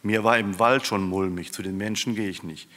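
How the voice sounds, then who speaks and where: A timid male carp, put on by a man, nervous and hurried in a storybook. The voice jumps above the reader's low tone, with a long hall reverb around it. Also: steady tone, a bit bright, lightly acted.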